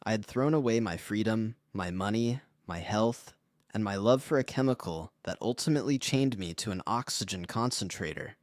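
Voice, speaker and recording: A man's voice: on the low side, normal speed, no room sound, clean studio sound. A man narrating a scripted first-person story in a somber, confessional way.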